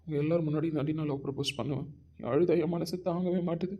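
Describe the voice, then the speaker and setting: A man's voice: fairly high pitch, fairly even intonation, fast, muffled recording. A man playing a remorseful young husband who speaks earnestly and apologetically in an amateur audio drama. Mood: remorseful, tender.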